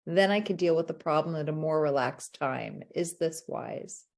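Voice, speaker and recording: A woman's voice: sits low, moderate pace, creaky, darkish tone. A woman moderating an online session, politely reading audience comments from the chat. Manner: polite and encouraging.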